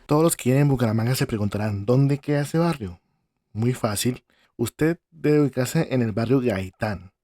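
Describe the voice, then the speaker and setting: Mellow man hosting a podcast. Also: mid-range voice, moderate pace, no room sound, studio quality. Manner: jokey, gives playful directions. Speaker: podcast host. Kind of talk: casual interview chat.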